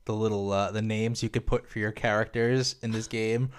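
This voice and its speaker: A man in casual chat, explaining things eagerly with halting restarts. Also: on the low side, level tone, smooth.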